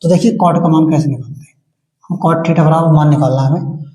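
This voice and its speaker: Male maths tutor with a mellow, slightly high voice in a reverberant room, explaining step by step. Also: steady tone, a little fast. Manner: explains step by step, asks and answers his own questions. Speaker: maths teacher. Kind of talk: classroom maths lesson.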